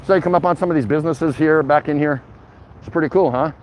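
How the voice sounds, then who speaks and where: On the high side and speaking fast, a man livestreams a walk around a city bayside area, offering chatty, easygoing, jokey commentary to his live chat. His dull, lo-fi mobile recording includes clear traffic noise and the hum of the urban outdoors.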